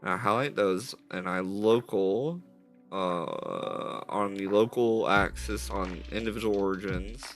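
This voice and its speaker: A man with a lowish voice talks slowly while livestreaming the creation of a game model, chatting casually, rambling, and correcting himself constantly. His headset mic makes him sound slightly stuffy, and soft jazz plays in the background.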